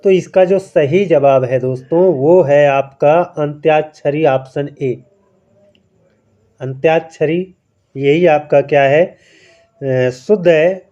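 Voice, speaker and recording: A man's voice: a little high, slow pace, dark tone, dull audio. A man teaching a Hindi spelling quiz lesson. He explains step by step, asks and answers his own questions, and keeps checking in with viewers. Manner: keeps addressing viewers as friends, adds "है ना".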